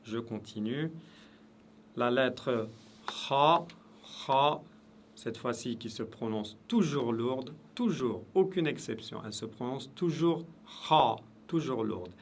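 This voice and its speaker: A man's voice: mid-range voice, expressive, takes it slowly, darkish tone, slight background noise. A man teaching Arabic letter pronunciation, repeating each sound in patient drills. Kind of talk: pronunciation lesson.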